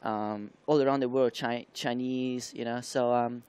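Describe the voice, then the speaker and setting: A young man from Taiwan with a smooth, resonant voice answers questions in a studio interview. He speaks haltingly, with plenty of "um" and "uh" as he searches for the right words. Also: medium pitch, fairly even intonation, a little mellow. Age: young adult. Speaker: motocross rider guest.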